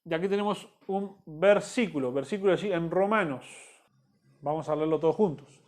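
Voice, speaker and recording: A man's voice: a little high, moderate pace, darkish tone. A man teaching a church discipleship Bible class in Rioplatense Spanish, repeating key points and checking in with the listeners.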